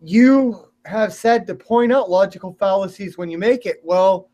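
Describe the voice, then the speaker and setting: A man's voice: high voice, unhurried, warm tone. A man in a casual online debate chat who speaks politely and hesitantly. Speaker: debate participant.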